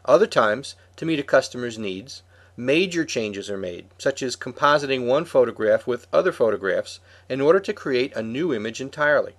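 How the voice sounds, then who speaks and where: A man's voice: mid-range voice, lively intonation, normal speed. A man co-hosting a podcast, reading a prepared script in an explanatory way. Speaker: podcast co-host.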